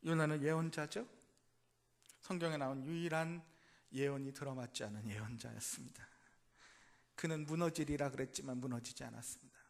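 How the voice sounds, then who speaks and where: A man preaching a sermon as pastor, dramatic, acting out quotes with big swings in loudness and asking the congregation questions. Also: medium pitch, brisk, creaky, pauses often.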